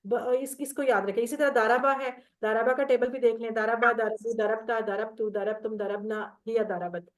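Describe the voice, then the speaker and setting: A woman's voice: a little high, steady tone, moderate pace, hardly any pauses. A woman teaching Quranic Arabic grammar in an online class, patient and step by step, reciting verb tables. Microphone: video call.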